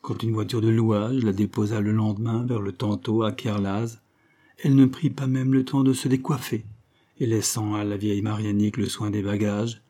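Mellow male audiobook narrator. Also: lowish voice. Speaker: audiobook reader. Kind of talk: scripted narration.

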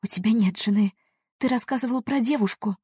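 A woman voicing a heartbroken young woman who pleads in a high, tearful voice. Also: a little fast, warm tone, slightly rough, no echo, studio quality. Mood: whispered.

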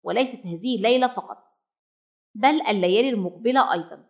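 A mother bird out of a children's storybook, firm and decisive, with loving tenderness underneath. Her voice sits a touch high, as a woman narrator puts her on. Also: normal speed, natural voice. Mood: stern. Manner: stern and decisive, warmly tender.

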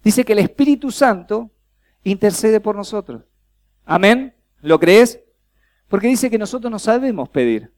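A man with a Rioplatense Spanish accent preaching a workshop at a church youth congress, lively, quizzing the crowd and acting out little dialogues. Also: high-pitched, measured pace, long pauses.

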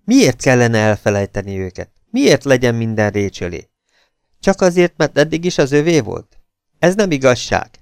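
Guy doing a pleading scheming woman, raised voice, gravelly underneath, dry sound. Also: mid-range voice, animated, darkish tone, no echo, voice pushed up.

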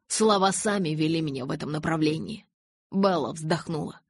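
A woman narrating an audiobook in the first person, measured and restrained. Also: low-pitched, no echo, studio quality.

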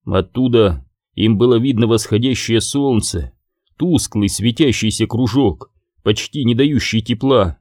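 A man narrating an audiobook in a steady, measured way. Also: mid-range voice, dry recording, studio quality.

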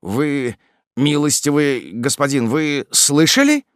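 A man voicing a frightened, fawning old male morgue keeper in an audiobook, with a high, trembling, pleading whine. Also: slow, a bit bright, smooth, no echo, studio quality. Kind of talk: audiobook reading.

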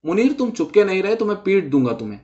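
A man's voice: medium pitch, animated, a bit bright, lightly acted. A man voicing an older boy who answers curtly and scolds his little brother, in a dull lo-fi recording. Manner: curt, scolding.

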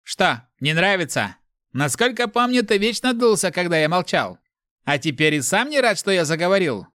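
A man's voice: high voice, sing-song, normal speed, sharp tone, no room sound, studio quality, voice pushed up, full character voice. A man voicing a sneering, relentless spirit. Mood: mocking. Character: mocking male spirit voice inside a head.

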